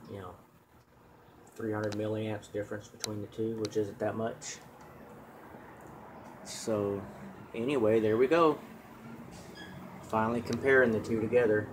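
A man with a fairly low voice records a casual test of his solar equipment with a handheld camera. He talks plainly but rambles, using fillers and starting over often. There's slight background noise.

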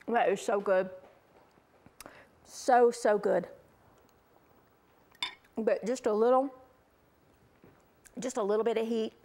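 A middle-aged woman hosting a cooking show, gushing enthusiastically over the food she demonstrates. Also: mid-range voice.

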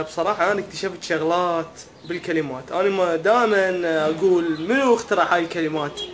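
A young man with an Iraqi Arabic accent, doing an animated, mock-puzzled comic vlog monologue. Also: high-pitched, a little hiss or hum. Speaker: comedy vlogger.

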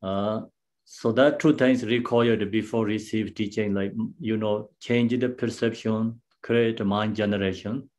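A man giving a dharma teaching as a Buddhist teacher, explaining patiently in simple, non-native English phrasing, with many pauses and restarts. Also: fairly low pitch, fairly even intonation, a little mellow.

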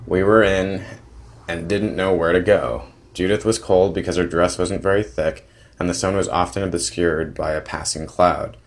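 A man's voice: sits low, steady tone, normal speed. A young man narrating a travel diary in a plain, detailed way, with small restarts. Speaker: vlogger narrating a trip.

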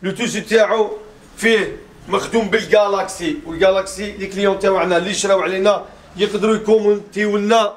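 In a small furniture showroom, a man in his thirties gives an upbeat, laughing sales pitch for a sofa set in a casual product showcase video. He speaks fast in a steady tone, with an Algerian Arabic accent and French words mixed in.

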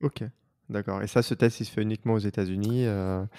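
A man hosting a podcast interview in a relaxed, chatty way, often stumbling and repeating words. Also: on the low side, quick pace, creaky, no echo, studio quality. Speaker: podcast host. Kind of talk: casual interview chat.

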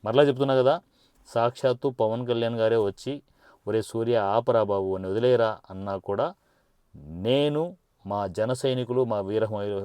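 Speaking directly at his target, a man who backs a political party rants angrily and tauntingly, working threats into it. He has a warm, medium-pitched voice, recorded dry.

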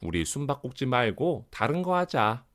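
A man's voice: mid-range voice, big pitch swings, normal speed, fairly bright tone. A man voicing a playful young rabbit in a storybook, with carefully enunciated speech. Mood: tired, grumbling. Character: playful young rabbit playmate, easily fed up.

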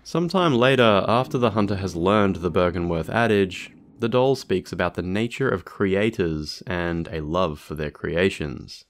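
A man reading scripted explanatory narration for a video in a measured, formal manner. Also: deep voice.

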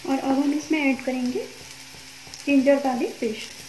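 A woman's voice: high voice, steady tone, moderate pace, a little hiss or hum. A woman hosting a home cooking tutorial, walking through each step in a chatty way and often saying "okay". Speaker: cooking channel host. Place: home kitchen at a gas stove. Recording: echoey kitchen with loud sizzling.

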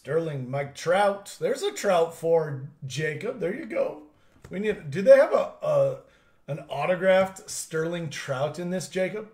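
Big pitch swings mark this young man's slightly high, darkish voice as he runs a live trading card break at a table in an indoor studio. He kids around with viewers about pronouncing player names and calls out what he pulls, stretching his excitement over the major hits.

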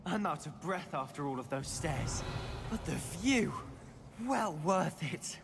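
An actor playing an eager, determined young male wizard companion in video game dialogue, talking in a confident, animated way. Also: on the high side, measured pace, vocal fry, big-room sound, background noise. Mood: winded, admiring.

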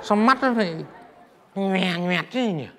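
Nervous grumbly god official, stammery, high voice, stage comedy w loud audience. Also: male voice, unhurried, over a noisy crowd. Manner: hesitant, stammering, exasperated. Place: large indoor theatre stage. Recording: noisy theatre with loud audience reaction.

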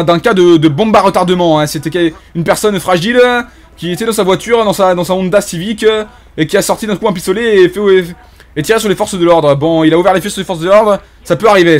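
High-pitched and lightly acted, this gaming YouTuber's voice becomes a pompous, bumbling police inspector. He uses a French accent and hesitant fillers for mock-solemn comedic commentary, staying in character throughout the game.

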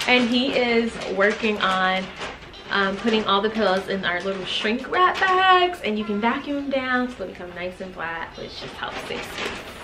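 A woman's voice: fairly high pitch, noisy background. A young woman, vlogging at home and chatting upbeat and casually to the camera, calling her viewers y'all. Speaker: lifestyle vlogger. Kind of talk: casual vlog talk to camera. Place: bright home living room.

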